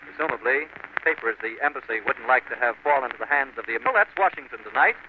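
A man delivering a measured live news report as a radio correspondent, heard through an old 1940s broadcast. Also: medium pitch, expressive. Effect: old 1940s radio broadcast sound. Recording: tinny old radio recording with loud hiss.

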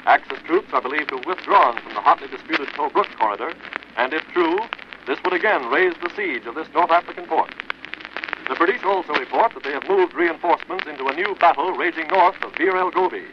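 American guy doing old 1940s newsreel style radio news, formal and declamatory, highish voice, muffled noisy broadcast. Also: a little fast. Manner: formal, declamatory bulletin reading. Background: loud radio noise.

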